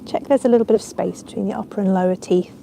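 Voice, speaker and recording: A woman guiding a yoga nidra relaxation speaks in a gravelly, mid-range voice with fairly even intonation, keeping her delivery soothing, gentle, and slow. Ambient sound is around her, along with a little hiss or hum.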